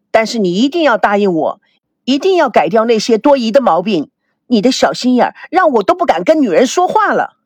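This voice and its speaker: A sulking young groom-to-be mutters low and grudging lines, as a woman reading the story puts him on. The voice sits lower and quieter than her narration, husky and dry, in a storybook reading. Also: no echo.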